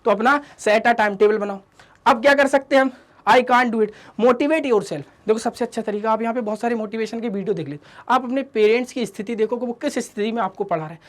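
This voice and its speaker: A man's voice: extremely high pitch, a little fast. A male teacher giving a motivational study talk to students, lecturing in a fatherly, scolding way with rhetorical questions and English catchphrases. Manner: scolding and fatherly, addresses listeners as "beta", asks rhetorical questions; mixes English catchphrases into the lesson.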